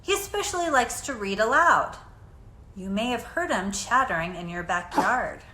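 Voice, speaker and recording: In an echoey room with a little background noise, a woman with a higher-pitched voice reads a children's picture book aloud. Her storytelling is deliberate and full of expression.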